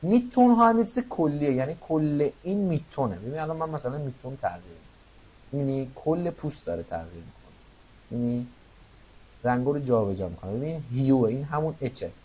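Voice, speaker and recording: A young man walks through a software lesson in an easygoing, conversational tone. He pauses to think aloud and often checks that the listener is following. His pitch sits in an ordinary middle range. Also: expressive. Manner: informal, thinks aloud while explaining. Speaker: Photoshop instructor. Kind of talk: screen-recorded software tutorial.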